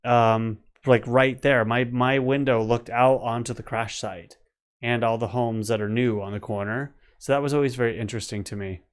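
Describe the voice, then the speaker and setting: A man in his forties co-hosting a relaxed live chat from home. He talks in a chatty, meandering way, with a voice of ordinary pitch for a man, and loops from one story into the next. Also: moderate pace, clean tone. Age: 40s. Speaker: co-host.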